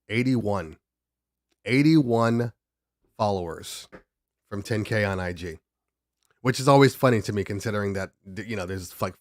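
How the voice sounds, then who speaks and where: Still congested from waking up, a DJ livestream host chats casually from his desk in his home studio. His voice is lowish, recorded dry at studio quality, and he rambles, jokes and keeps interrupting himself.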